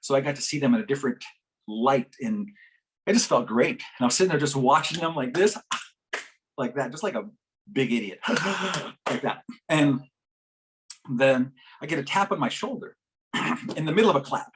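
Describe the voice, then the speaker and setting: Animated man telling a story in a workshop. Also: normal speed, long pauses. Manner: animated, acts out quoted voices with big pitch jumps; laughs as he talks. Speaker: workshop presenter. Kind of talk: storytelling talk to a live audience. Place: conference workshop session.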